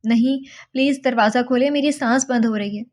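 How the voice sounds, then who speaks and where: A woman's voice: sits high, darkish tone, lightly acted. Stubborn captive young woman, read by a woman. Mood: defiant. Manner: pleading and defiant.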